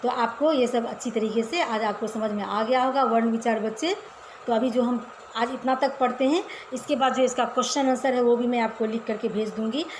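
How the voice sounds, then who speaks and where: A woman's voice: on the high side, fairly even intonation, a little fast, a little hiss or hum. A woman teacher giving a casual class to children, explaining step by step and often asking the pupils questions. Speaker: Hindi teacher. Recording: echoey room with faint ambience.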